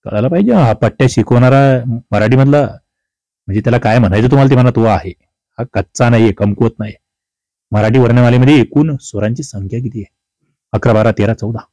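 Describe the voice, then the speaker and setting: Fast-talking male teacher, dark dry voice. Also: medium pitch, animated, no echo. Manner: fast, chatty and teasing, calls students brother and sister. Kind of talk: exam-prep grammar lesson.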